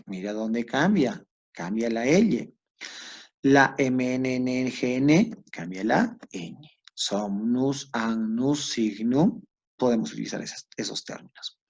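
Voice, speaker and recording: A man teaches a class in a lively voice that rises and falls a lot. His tone is a bit raspy, and he often asks a question aloud before answering it himself. The recording sounds dull and lo-fi. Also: mid-range voice. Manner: asks himself questions and answers them, addresses students directly. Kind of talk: classroom lecture.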